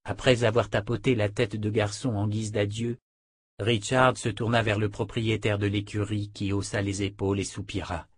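A man reading a fantasy novel aloud in a steady, measured storytelling voice. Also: on the low side, breathy edge, no echo, clean studio sound. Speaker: audiobook reader. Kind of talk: scripted narration.

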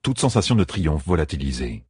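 A man narrates a fantasy novel in a low, husky voice, measured and dramatic. The sound is dry and close, with no room. It reads like a studio audiobook. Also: very animated, a little mellow, dry recording.

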